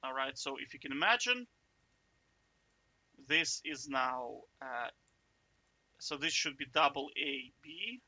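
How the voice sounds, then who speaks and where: A man's voice: mid-range voice, expressive, slow pace, long pauses, pushed and bright. A man giving a casual, chatty coding walkthrough, thinking aloud and checking in with the viewer. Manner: chatty, self-interrupting, jokey asides; checks in with "right?" often. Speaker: coding tutor.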